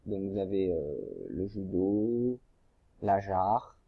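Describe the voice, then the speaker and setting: Slow, patient male teacher, lo-fi. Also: sits low, sing-song, gravelly, breathy edge, no echo. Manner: slow, patient, spells out syllables. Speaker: primary school teacher. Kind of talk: recorded remote lesson, guiding exercises.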